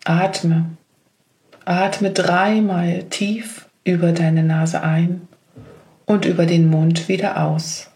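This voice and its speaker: Female meditation guide; calm, level delivery, unhurried pace. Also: on the low side. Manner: slow, gentle spoken instructions.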